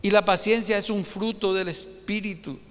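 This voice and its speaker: A man preaching a Sunday sermon as pastor, animated and keeps putting rhetorical questions to his congregation. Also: high-pitched, moderate pace, clean tone, in a large hall. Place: church hall.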